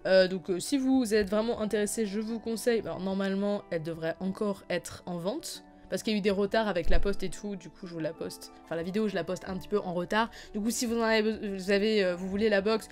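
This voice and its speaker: A woman's voice: medium pitch, fairly even intonation, fast talker, few pauses, a little mellow, soft background music. A young woman in her late teens chatting casually in an unboxing vlog, rambling with many fillers and restarts. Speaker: YouTuber.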